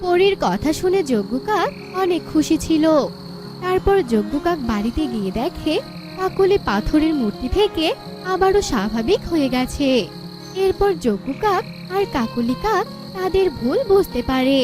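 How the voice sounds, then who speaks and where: A woman tells a folk-tale cartoon in scripted narration. Her voice sits high, and music plays clearly beneath it. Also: sing-song, moderate pace. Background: background music.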